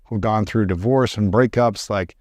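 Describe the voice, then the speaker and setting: A man's voice: on the low side, normal speed, darkish tone, no echo, studio quality. A man hosting a podcast, asking curious, searching questions and thinking aloud with fillers. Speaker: podcast host. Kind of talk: podcast interview.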